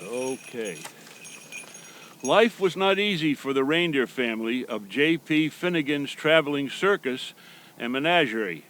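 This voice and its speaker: A man's voice: mid-range voice, expressive, unhurried, fairly bright tone. A man playing Santa Claus as a kindly, agreeable old man reading a storybook to young children. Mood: storytelling. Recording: background noise.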